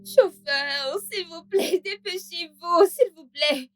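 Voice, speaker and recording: A desperate young woman in a dubbed film drama. Her voice is notably high and strained with pleading. She begs and insists on her innocence. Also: takes it slowly, soft background music. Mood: panicked. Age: young adult. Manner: pleading, tearful. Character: frightened young woman pleading, wrongly accused.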